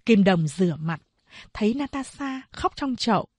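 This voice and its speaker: A woman narrating an audiobook of a novel in a slow, steady storytelling voice. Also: medium pitch, slightly rough, no room sound.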